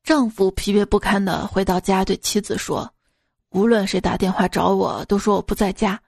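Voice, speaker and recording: A woman's voice: medium pitch, fairly even intonation, moderate pace, gravelly, darkish tone, breathy edge, soft background music. A woman hosting a radio joke segment, reading one short gag after another and raising her voice for the quoted characters. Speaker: radio host telling jokes.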